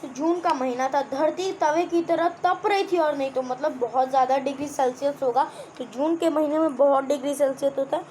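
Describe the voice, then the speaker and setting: A woman's voice: high-pitched, fairly even intonation, brisk, few pauses, mellow, slight background noise. A young woman teacher explaining a children's textbook chapter, repeating words and asking the class questions.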